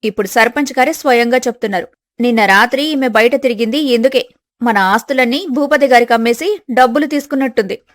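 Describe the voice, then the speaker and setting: A woman's voice: on the high side, fast, dry recording, studio quality, natural voice. A woman voicing an arrogant, accusing elder daughter-in-law in a storybook tale. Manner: accusing, sneering.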